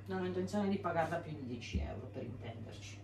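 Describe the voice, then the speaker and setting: A woman's voice: low voice, animated, fast talker, background noise. A middle-aged woman vlogging at home, chatting to a camera across the room about cheap buys and their prices. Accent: Italian. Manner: chatty, explaining purchases and prices. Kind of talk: casual chat to camera. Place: bedroom at home, indoors. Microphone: camera on a stand across the room. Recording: echoey room.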